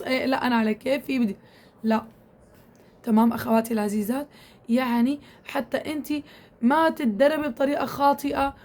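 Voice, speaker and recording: Brisk woman tutor, fairly high voice, keeps asking "okay?". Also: a little mellow. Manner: repetitive, checks in with "tamam?" often. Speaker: Quran recitation teacher. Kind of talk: casual instructional talk to women students.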